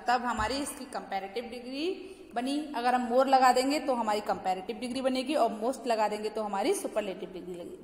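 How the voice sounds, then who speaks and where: A woman teacher with an Indian accent gives a grammar lesson to children. She asks questions, answers them herself, and spells words out letter by letter. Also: fairly high pitch. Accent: Indian English. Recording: echoey room with long reverb.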